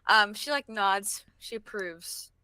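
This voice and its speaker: Woman player, bright and tense voice, playful. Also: mid-range voice, takes it slowly. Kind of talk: casual tabletop game chat.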